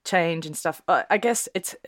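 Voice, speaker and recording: A woman's voice: lowish voice, moderate pace, no echo, studio quality. An Australian woman hosting a casual interview, encouraging her guest and laughing often. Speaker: host.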